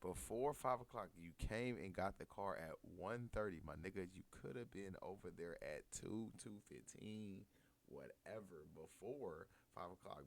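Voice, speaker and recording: A man's voice: low-pitched, vocal fry. A man streaming live, heckling and mocking the people in a court show as he watches. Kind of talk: crude reaction commentary.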